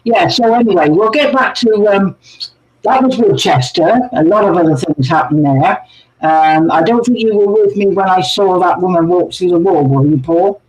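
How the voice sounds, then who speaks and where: A man's voice: high voice, normal speed, darkish tone, low-quality recording. A man chatting casually on a livestream as co-host, telling ghost stories and greeting viewers by name over a video call. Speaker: co-host, paranormal investigator.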